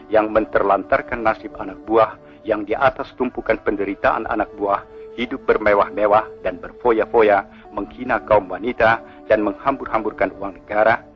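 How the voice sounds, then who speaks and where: A man reading a formal official statement on the radio in a measured, solemn way, heard as an old 1960s newsreel broadcast. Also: on the low side. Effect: old 1960s radio newsreel sound. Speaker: radio announcer. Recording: muffled archival radio broadcast with faint music.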